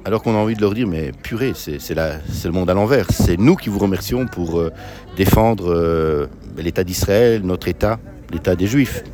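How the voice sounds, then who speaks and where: Halting Belgian man, low voice. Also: mellow. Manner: halting, many restarts. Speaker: volunteer. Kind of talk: street interview. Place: outdoors at an evening barbecue.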